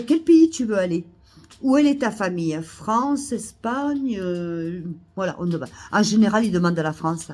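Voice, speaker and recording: In Almeria, Spain, a vlogger with a cold rants indignantly to her followers in a monologue to camera, coughing now and then. Her medium-pitched voice repeats itself, rises to loud outbursts, and stumbles through hesitant restarts and fillers.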